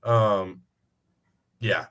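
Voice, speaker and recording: A man's voice: lowish voice, very slow, fairly bright tone, smooth. A man co-hosting a casual sports chat, giving hedged, opinionated takes with lots of fillers. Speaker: co-host.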